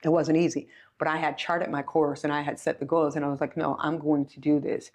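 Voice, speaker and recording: Speaking fairly quickly in a deep, level, slightly mellow voice, a woman of sixty shares her story as a podcast guest. She's a chief executive, earnest in manner and fond of repeating phrases to drive a point home.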